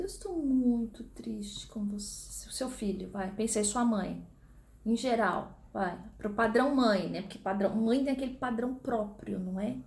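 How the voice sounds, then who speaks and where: A woman's voice: medium pitch, creaky, darkish tone. A middle-aged woman, teaching a law class in a chatty, informal way, full of fillers and restarts. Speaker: law lecturer. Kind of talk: recorded online class. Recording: echoey room.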